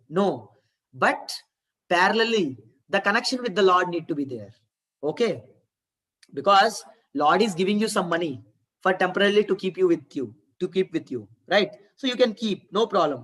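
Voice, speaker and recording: A man's voice: sits high, a bit bright, distant mic. A man with an Indian English accent teaching a Gita class to children online, explaining patiently and having them repeat verses.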